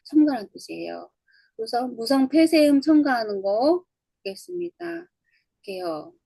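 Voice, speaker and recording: Woman, English teacher, patient drill-style explainer, gravelly and a touch high, dry close mic. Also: very animated, moderate pace, mellow, no room sound, rough recording. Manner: explains step by step, repeats words for drilling. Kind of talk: online lecture on English phonology.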